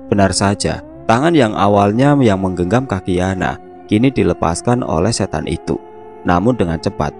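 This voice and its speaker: A man with a low voice telling a scripted story calmly and steadily. Soft background music runs faintly beneath his narration. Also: vocal fry. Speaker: storyteller host.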